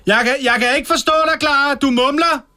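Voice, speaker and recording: A man voicing a smug, tactless woman radio host who speaks in a patronizing, deliberate way. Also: very high-pitched, pushed and bright, no room sound, clean studio sound, exaggerated voice. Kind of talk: sketch comedy.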